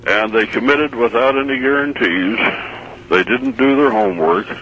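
A man's voice: medium pitch, normal speed, a bit bright. A man calling in to a talk radio show, skeptical and griping about city spending, heard as taped off the radio. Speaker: radio call-in listener. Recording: muffled radio tape with faint hiss.

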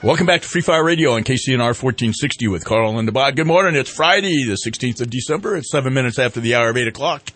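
A man's voice: medium pitch, expressive, quick pace, few pauses, a bit bright, soft background music. A man hosting live talk radio in a casual style. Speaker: radio show host. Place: radio studio.

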